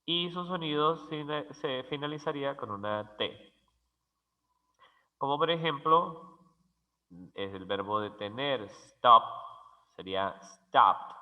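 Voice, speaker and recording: Male language teacher, unhurried and methodical, repeats each example; dull recording with a lingering echo. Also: mid-range voice, expressive. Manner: spells out letters and repeats example words slowly. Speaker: English teacher. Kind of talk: slow, careful grammar lesson. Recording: dull, lo-fi sound with long reverb.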